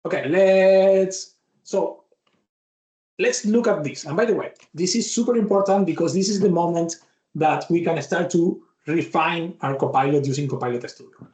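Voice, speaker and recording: This bootcamp instructor, a man with an Argentine Spanish accent and a slightly high voice for a man, talks at a normal speed through a live software demo. As he clicks along he reasons out loud and restarts words, with a roomy echo surrounding the sound.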